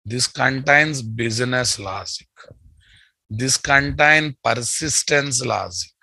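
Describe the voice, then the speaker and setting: A man's voice: mid-range voice, slow, vocal fry, bright, forceful tone, dry recording. A man with a Telugu Indian accent teaching a live technical class, bluntly questioning his students and repeating key phrases. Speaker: programming instructor.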